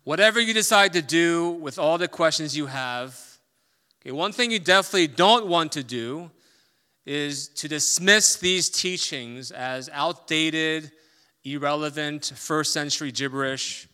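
A man preaching a sermon as a pastor, emphatic, swinging between loud stressed points and quiet asides. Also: fairly high pitch, unhurried, clean tone, long reverb tail.

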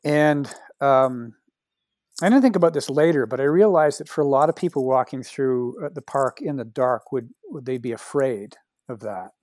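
Male guest from Canada, mid-pitched, gentle and reflective; dry, close recording. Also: moderate pace, no room sound. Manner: soft-spoken, thoughtful, frequent restarts. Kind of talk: reflective conversation.

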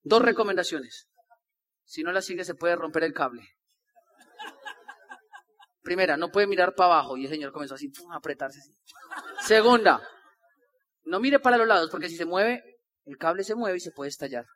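A man rallies a convention audience in a high, piercing voice, repeating his points and acting out the people he quotes. His words ring out with a long echo through a large hall. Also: normal speed, long pauses. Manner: animated, repetitive, acts out quoted people. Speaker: motivational speaker. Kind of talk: energetic motivational talk to a crowd. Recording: live talk with long hall reverb.

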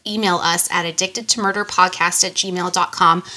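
A woman co-hosting a podcast, her voice stuffy and nasal from a recent illness. She reads from her notes in a casual way, with small restarts. Her tone is bright and somewhat low. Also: steady tone, normal speed. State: nasal from a cold. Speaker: podcast co-host.

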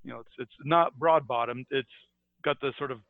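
An American man from the United States co-hosts a casual book podcast, speaking briskly in a mid-range voice, chatting, laughing often and frequently restarting sentences. He's on headphones and a mic, and the recording is dry, narrow and tinny.

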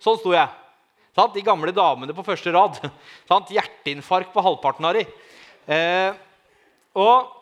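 Lively male storyteller, slightly higher voice than most men, personal testimony with audience check-ins. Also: long pauses. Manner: lively, asks the audience "right?", dramatic swings in loudness. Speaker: speaker giving a testimony.

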